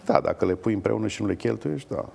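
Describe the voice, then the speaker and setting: A man's voice: lowish voice, vocal fry, husky. A middle-aged man, an opera singer, telling stories with hesitations in a TV interview. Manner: animated anecdotes with hesitations. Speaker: guest, opera bass-baritone. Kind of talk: storytelling in a TV interview.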